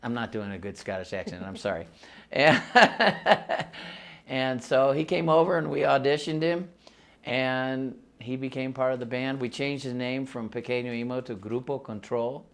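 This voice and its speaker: A man in his sixties spins loose, rambling stories in a casual interview, with a voice of ordinary pitch. He grew up between the US and Mexico, laughs easily and often circles back to restart his sentences. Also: normal speed. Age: 60s. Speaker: musician interviewee. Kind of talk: casual oral-history storytelling.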